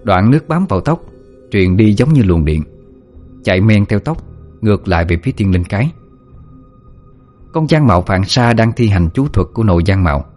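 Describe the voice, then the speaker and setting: Brief: male storyteller, dramatic spooky narration, lowish and very animated. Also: normal speed, long pauses, soft background music.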